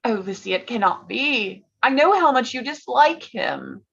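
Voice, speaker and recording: A woman playing a gentle, affectionate Regency sister in a staged reading, earnest and anxiously caring, on slightly muffled audio. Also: on the high side, very animated, a little slow, vocal fry, slightly rough, exaggerated voice. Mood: disbelieving. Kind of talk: staged reading of a period drama.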